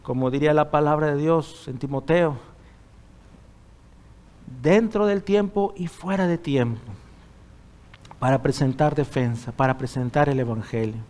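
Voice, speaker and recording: A man preaches in church, his voice raised and smooth. He talks with his congregation rather than at them, checking in with them through frequent rhetorical questions. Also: fairly high pitch, measured pace, long pauses, a little mellow. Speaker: pastor. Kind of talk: sermon.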